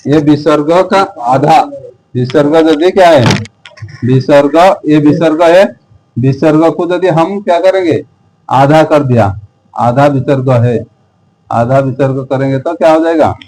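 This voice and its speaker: A man teaching Sanskrit grammar slowly, asking the class questions again and again and drilling sounds aloud. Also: fairly high pitch, mellow, poor audio. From India. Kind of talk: slow repetitive teaching.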